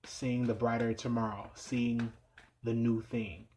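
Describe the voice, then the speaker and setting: A man giving a weekly tarot reading in a meditative way, repeating phrases and sometimes dropping to a low, quiet voice. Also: level tone, unhurried, slight background noise. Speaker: tarot reader.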